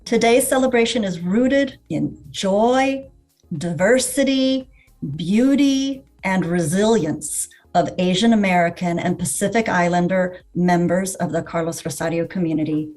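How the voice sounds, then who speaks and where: A woman on a school's staff giving a prepared welcoming speech in an earnest, measured way. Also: fairly low pitch, darkish tone, soft background music. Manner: earnest, measured, listing values one by one.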